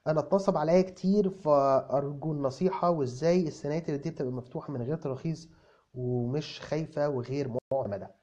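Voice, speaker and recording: Lightly acted, a man with an Egyptian Arabic accent plays a confident young English tutor responding to viewer comments in a comic video lesson. His voice is a little high and dark-toned, his pace quick and his manner breezy as he explains with repeated examples and stammered restarts. It's captured on a dull lo-fi recording.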